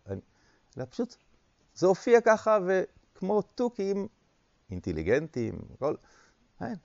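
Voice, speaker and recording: Male meditation teacher, reflective dharma talk, gravelly and dry, short phrases with pauses. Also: mid-range voice, a little mellow, no echo, dull audio.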